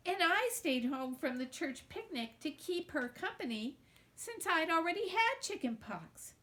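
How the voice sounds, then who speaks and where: A woman with a high, lively voice reads a children's story aloud, acting out the dialogue and emotions with animation. The book is a children's novel narrated in the first person by a girl.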